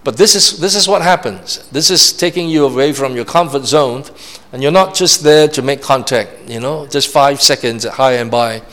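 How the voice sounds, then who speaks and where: A Malaysian man preaches a sermon at normal speed in a mid-range, somewhat bright voice. His delivery is emphatic and repetitive, and he often checks in with the congregation. The recording carries the long reverb of a large hall.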